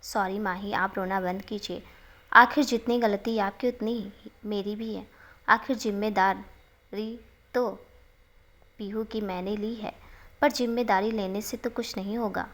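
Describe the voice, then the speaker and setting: A gentle, caring young husband speaks softly and kindly, as a woman storyteller voices him. He coaxes and reassures, with no harshness in his tone. It comes across as a storybook figure. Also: mid-range voice, steady tone, unhurried. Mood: gentle, coaxing. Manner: soft coaxing, speaking kindly to a child.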